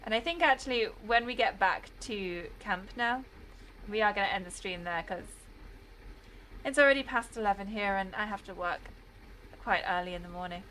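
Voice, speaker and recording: A woman's voice: medium pitch, moderate pace, fairly bright tone, a little hiss or hum, low-quality recording. A British woman chatting casually while streaming a game, rambling and laughing often. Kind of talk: casual gameplay commentary.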